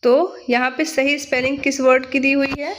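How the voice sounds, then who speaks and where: Speaking at a normal pace in a high voice with little pitch movement, an Indian-accented woman teaches English spellings for exams. She spells each word out letter by letter and asks "theek hai" to check understanding, with slight background noise audible.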